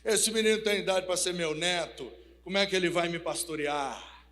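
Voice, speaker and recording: A man's voice: high voice, normal speed, fairly bright tone. A man preacher voicing elderly male church elders who doubt a young pastor, dismissive in tone. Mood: skeptical. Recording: reverberant church hall.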